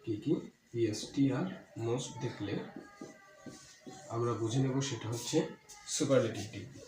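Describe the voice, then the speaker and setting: A man's voice: mid-range voice, darkish tone, soft background music. Man teaching grammar in an echoey room. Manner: repeats key words slowly, asks and answers his own questions. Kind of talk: explanatory grammar lesson. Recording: echoey room with faint ambient noise.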